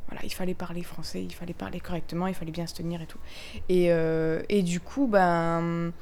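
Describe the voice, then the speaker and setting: A woman from Réunion telling about her identity in a reflective, halting way, with many fillers. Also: on the low side, little pitch movement, darkish tone. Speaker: interviewee. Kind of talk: personal testimony.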